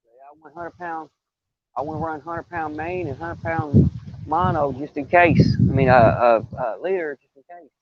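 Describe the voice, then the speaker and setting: An older man on a riverbank chats during his live fishing stream, telling folksy, rambling stories with plenty of stumbles and restarts. His voice is on the high side and very animated, with vocal fry and a moderate pace. There's no echo, but the highs are cut off.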